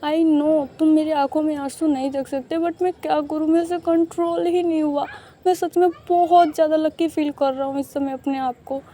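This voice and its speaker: A woman's voice: high voice, fairly even intonation, moderate pace, warm tone, close to an everyday voice. A woman voicing a sweet, shy young man who is easily flustered and tearful, gushing and mixing in English phrases. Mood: bashful.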